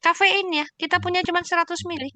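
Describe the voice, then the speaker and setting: A woman's voice: very high-pitched, fairly even intonation, fast talker, bright, forceful tone, a little hiss or hum. A woman doctor answering questions in an online session, explaining in an emphatic way and listing examples.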